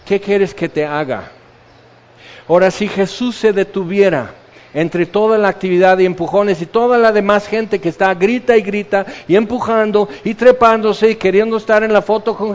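High-voiced preacher, lo-fi sound. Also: male voice, big-room sound. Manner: conversational preaching with acted-out quotes. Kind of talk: sermon. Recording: dull lo-fi sound.

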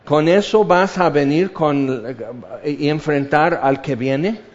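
A man preaching a sermon with passion, moving from loud emphatic lines to hushed intensity, full of repetition and rhetorical questions. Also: on the high side, slow. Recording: dull lo-fi sermon recording.

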